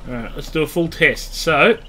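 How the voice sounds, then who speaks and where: Here the late-thirties host sounds sharp and on the high side, talking at a normal pace with a little hiss or hum behind him. He has a stuffy nose from a mild cold and muses aloud while guiding viewers through a game in relaxed commentary.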